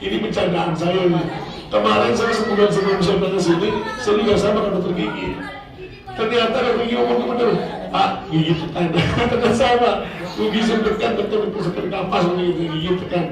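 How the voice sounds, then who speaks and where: A hoarse man with a Betawi accent, giving a casual sermon full of jokes and playful asides. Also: sits high, fast talker, crowd noise. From Jakarta, Indonesia. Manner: joking storyteller, playful asides. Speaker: preacher. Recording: very echoey hall, voice far from mic.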